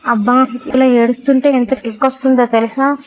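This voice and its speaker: A woman's voice: high voice, fairly even intonation, normal speed, darkish tone, a little hiss or hum, natural voice, low-quality recording. A woman voicing a taunting, arrogant young college man. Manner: taunting and mocking. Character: arrogant cruel young male college student.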